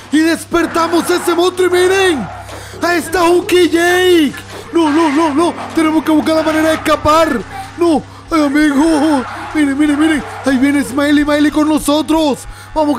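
An excitable young man with a high voice plays games as a YouTuber, giving let's-play commentary. He laughs often and yelps and exclaims whenever something scares him.

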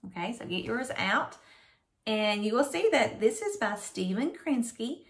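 A middle-aged woman kindergarten teacher giving a children's reading lesson in an animated, simply questioning way, as if reading to a toddler. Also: on the high side, unhurried. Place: small room at home, indoors.

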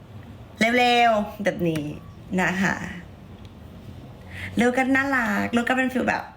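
A hoarse woman with a raspy voice, chatting playfully and coaxing viewers while selling on a livestream. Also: a little high, takes it slowly, a bit bright, slight background noise. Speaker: livestream seller. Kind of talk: casual livestream chat.

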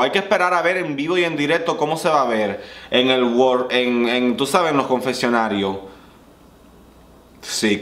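A man giving playful, bawdy reaction commentary as a drag queen, laughing often and swinging between high squeals and low purrs. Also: a bit bright, roomy sound.

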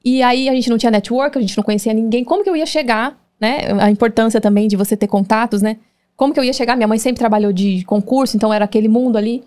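Uma mulher brasileira apresentando um podcast em conversa casual, fazendo perguntas às convidadas de forma animada. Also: female voice, fairly high pitch, quick pace. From Brazil. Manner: lively, conversational, leading questions. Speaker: podcast host. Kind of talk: casual interview chat.

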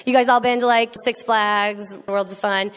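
A woman giving a comedic talk to a live audience, animated and teasing, acting out quoted voices. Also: fairly high pitch, moderate pace, clear, resonant tone. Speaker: speaker. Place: large hall with an audience. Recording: echoey hall with faint noise.

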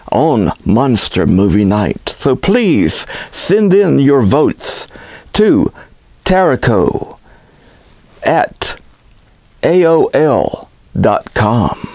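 A middle-aged man speaking as a horror host, with a campy, grandiose, drawn-out showman delivery. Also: mid-range voice, a little mellow, dry recording. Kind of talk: theatrical horror-host monologue to camera. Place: small attic room full of horror decorations.

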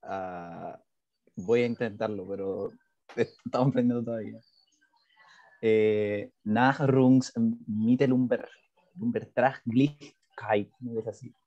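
Brief: hesitant male student, slow and unsure, low and dark voice, muffled video call audio. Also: steady tone, vocal fry. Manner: hesitant, tentative.

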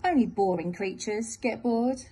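A woman's voice: fairly high pitch, measured pace, dark tone, husky. A woman voicing a small stubborn creature in a cave, who turns out to be a bear, speaking in a prim, polite way. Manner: prim, polite, matter-of-fact.

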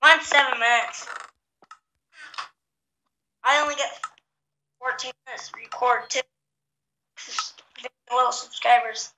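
Brief: chatty gaming host, woman, bright higher voice, roomy bathroom echo, faint hiss. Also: steady tone, measured pace, pauses often. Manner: chatty, talks to viewers. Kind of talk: casual game chat. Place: small echoey bathroom. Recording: echoey bathroom, faint noise.

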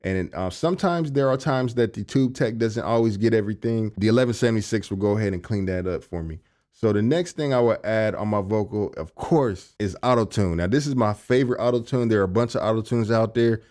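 A young music producer and engineer with a low voice gives a casual tutorial, walking through the vocal recording setup in his home studio. He talks fairly quickly into a large studio condenser mic on a stand. His manner is relaxed and conversational, with lots of fillers like "you know what I'm saying."

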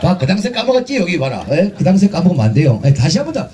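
A man emceeing a street performance at an outdoor festival, teasing the crowd with crude jokes and shouting music cues. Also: high voice, very animated, very fast.

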